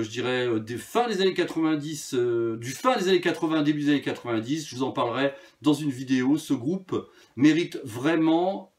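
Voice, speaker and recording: A man presenting his vinyl records in a casual video, talking freely with many hesitations and fillers. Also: medium pitch. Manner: chatty, hesitant with frequent fillers.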